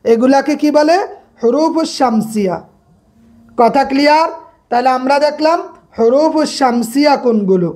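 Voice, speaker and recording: A woman's voice: sits high, lively intonation, normal speed, pauses often, mellow. A woman giving an online grammar lecture, repeating each point and quizzing the class so they echo the answers back. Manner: checks in on students by name. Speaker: grammar instructor.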